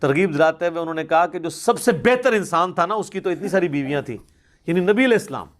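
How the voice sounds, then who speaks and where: A man's voice: fairly high pitch, lively intonation, slight background noise. A man answering religious questions in a conversational, explanatory way, patiently working through examples. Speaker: Islamic scholar answering questions.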